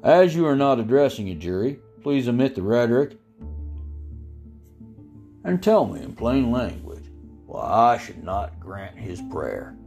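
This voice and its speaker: An actor playing a stern older male judge who speaks slowly, dryly and with measured words. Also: mid-range voice, big pitch swings, vocal fry, a little mellow, faint music behind. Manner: slow, dry and measured.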